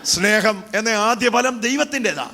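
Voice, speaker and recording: Man preaching, high voice, call-and-response, echoey hall reverb. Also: a little slow, sharp tone. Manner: urging the congregation to repeat aloud. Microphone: handheld microphone.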